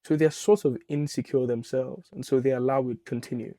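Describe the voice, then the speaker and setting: A man's voice: medium pitch, fairly even intonation, fairly quick, mellow, dry recording. A man hosting a reaction video, giving his opinions in casual commentary with many fillers and restarts.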